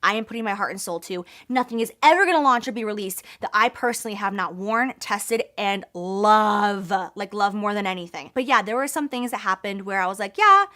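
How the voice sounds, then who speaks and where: Young female beauty vlogger, emphatic and gushing, breaks into excited squeals. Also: mid-range voice, a little fast, few pauses. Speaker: beauty YouTuber launching her brand. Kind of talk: excited product reveal vlog.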